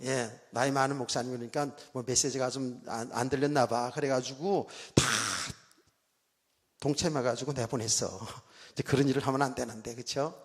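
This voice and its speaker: A middle-aged male pastor preaching a sermon, telling a story with loud bursts and hushed asides and often asking his listeners to agree. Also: medium pitch, moderate pace. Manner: animated storytelling, swings from loud exclamations to quiet asides; keeps asking the congregation for agreement. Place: church sanctuary. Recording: church hall reverb.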